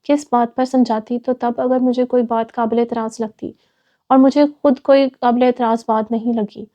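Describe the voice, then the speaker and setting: Woman reading a strict middle-aged mother, measured, mellow voice. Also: on the high side, flat delivery, lo-fi sound, natural voice. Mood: stern. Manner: measured, stern.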